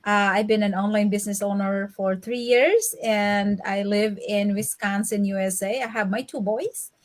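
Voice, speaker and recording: A woman's voice: mid-range voice, fairly even intonation, normal speed. Woman, from the philippines, cheerful, brief, video call. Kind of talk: casual group video chat.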